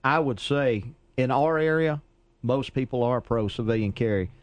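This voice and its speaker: A man who is a police officer, a guest on a talk show, explaining things in a calm, measured way. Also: mid-range voice, dry recording. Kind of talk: radio talk show interview.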